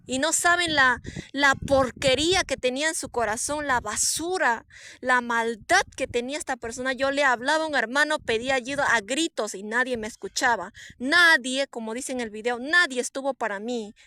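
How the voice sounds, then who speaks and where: A woman, a prophetess, giving an earnest, emotional personal testimony, swinging between soft and emphatic and repeating herself for emphasis. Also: on the high side, no room sound. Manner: repetitive, with frequent restarts and fillers.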